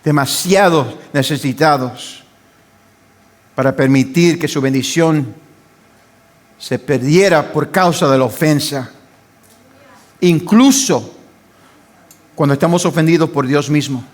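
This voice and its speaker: An older man, a pastor, preaching a fervent sermon that swings between loud pleading and quiet asides. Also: fairly high pitch, takes it slowly, pauses often.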